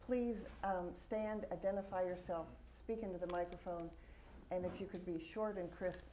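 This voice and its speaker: A woman's voice: fairly low pitch, steady tone, moderate pace, warm tone, a little hiss or hum. A woman moderating a panel discussion, asking long probing questions and calling on the audience. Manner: probing, wordy questions, self-deprecating.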